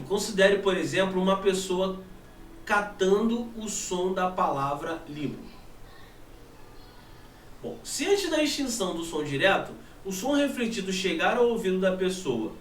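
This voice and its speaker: A Brazilian man teaching a physics lesson, lively, asking and answering his own questions. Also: sits high, slight background noise. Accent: Brazilian Portuguese. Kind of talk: classroom lesson. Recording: echoey room from a distant mic, faint ambience.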